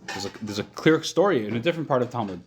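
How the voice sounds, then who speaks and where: A man teaching an informal religious class as a rabbi, reading texts and explaining them step by step, often rephrasing as he goes, in a slightly husky voice. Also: mid-range voice, animated, a little hiss or hum. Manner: explanatory, repeats and rephrases points, halting at times.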